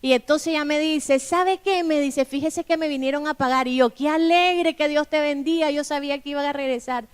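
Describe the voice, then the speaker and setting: A woman's voice: sits high, normal speed, hardly any pauses. A middle-aged woman pastor, telling a testimony in a sermon and acting out the dialogue of the people in it. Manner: storytelling with acted-out dialogue.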